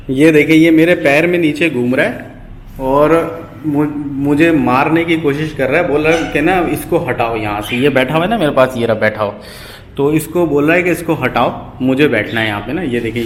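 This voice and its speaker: A man vlogging among his pet birds, chatting casually and coaxing them as he goes. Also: fairly high pitch. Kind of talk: casual vlog narration. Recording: echoey, noisy aviary recording.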